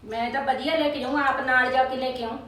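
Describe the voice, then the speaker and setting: This is a demanding, fault-finding village aunt who complains about every cup and biscuit, played by a woman. Her voice sits high and her tone is sneering. The recording is roomy, with faint hiss and a mic set well back. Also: steady tone, fast talker, fairly bright tone. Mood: grumbling. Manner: nagging, scornful complaints. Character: grasping middle-aged village aunt, always demanding. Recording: echoey room, distant mic.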